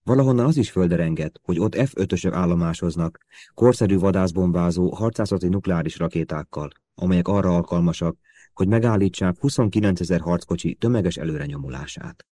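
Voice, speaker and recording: A man narrating a spy thriller audiobook in a steady, measured reading. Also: sits low, no room sound. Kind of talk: scripted narration.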